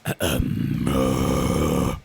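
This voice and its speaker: A man demonstrating false chord screaming in a deep, rasping, guttural growl. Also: steady tone, extremely slow, a little mellow. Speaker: vocal coach in metal screaming.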